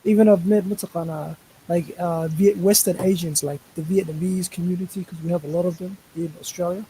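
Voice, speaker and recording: A man's voice: high voice, steady tone, a little fast, warm tone, a little hiss or hum, rough recording. A man speaking as a guest on a casual online panel, stumbling over his starts and repeating words before making his point firmly. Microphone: voice call over a live stream.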